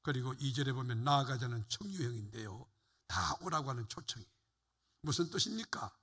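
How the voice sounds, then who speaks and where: A man's voice: medium pitch, lively intonation, a little fast, pushed and bright. An older man, a pastor, preaching a fervent sermon to his congregation in a church sanctuary. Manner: fervent preaching, rising and falling emphasis, addresses congregation. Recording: long hall reverb.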